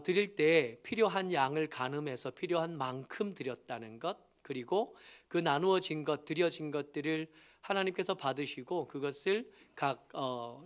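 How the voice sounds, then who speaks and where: A man with a Busan accent preaching a sermon as pastor, explaining scripture slowly with frequent fillers and emphatic rises. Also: a little high. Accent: Busan Gyeongsang.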